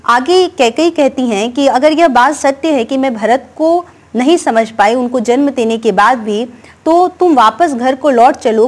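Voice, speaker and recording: A woman's voice: on the high side, darkish tone. A woman teaching a Hindi poem, reading each verse and then explaining it word by word.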